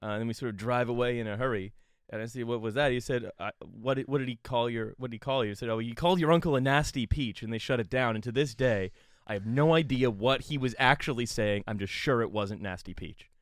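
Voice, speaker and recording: A man's voice: mid-range voice, fast talker, dry recording. A man co-hosting a podcast, telling a rambling story in casual chat with a lot of restarts. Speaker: podcast co-host.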